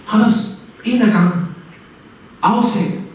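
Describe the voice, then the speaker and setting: A man teaches in a mosque in a lively, direct manner and puts questions to his listeners. His voice sits fairly high. The recording is very echoey and picked up from far off in the hall. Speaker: Islamic teacher. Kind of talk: mosque talk.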